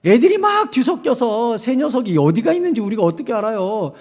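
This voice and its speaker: A middle-aged male pastor preaching in a church, his voice ringing high in the long reverb of the sanctuary. He drops to near-hushed asides, then climbs to shouted appeals, acting out the voices he quotes along the way. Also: very animated, brisk. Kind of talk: sermon.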